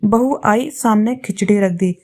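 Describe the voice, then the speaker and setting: A woman narrating a family story as a storyteller, in a steady storytelling manner. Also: medium pitch, unhurried.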